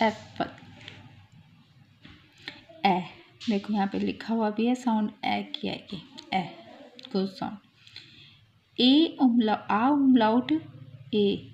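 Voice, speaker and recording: A woman teaching German in a slow explanatory lesson, repeating and drawing out example words. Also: a little high, a little mellow, a little hiss or hum. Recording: slightly dull lo-fi sound.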